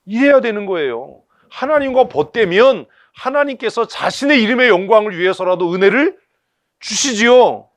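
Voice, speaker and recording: A man's voice: high voice, expressive, normal speed, no room sound. A man preaching a sermon in blunt, colloquial speech full of rhetorical questions. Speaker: pastor. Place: church service.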